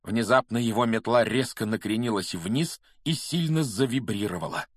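A man narrating a fantasy audiobook in a brisk, steady storytelling manner. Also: fairly low pitch, breathy edge, no echo, clean studio sound. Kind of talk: scripted narration.

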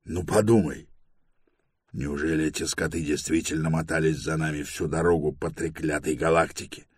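A man voicing a raspy, argumentative older male scholar in an audiobook. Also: a bass voice, fairly even intonation, normal speed, no room sound, clean studio sound. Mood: reasoning.

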